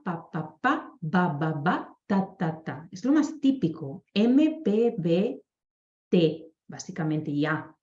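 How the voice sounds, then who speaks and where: A woman's voice: medium pitch, mellow, roomy sound, muffled recording. A woman, a speech therapist explaining to parents on a live stream, often checking in with short tag questions.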